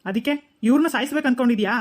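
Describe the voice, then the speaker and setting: Brief: rapid, reasoning cartoon father voiced by a woman, fairly high. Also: a little mellow, lightly acted. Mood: lecturing. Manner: lecturing, reasoning. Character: calm scolding middle-aged father.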